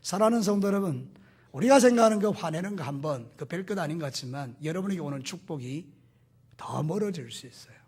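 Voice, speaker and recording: A male pastor preaching a sermon, animated and putting questions to the congregation, with folksy, humorous stories. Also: a little high, quick pace, husky.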